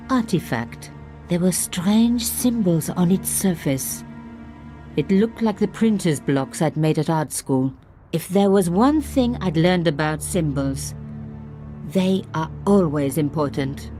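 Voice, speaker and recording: A woman's voice: fairly low pitch, dark tone. An actress voicing a young woman journalist who narrates her sleuthing with dry, self-mocking asides. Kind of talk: game voice-over narration.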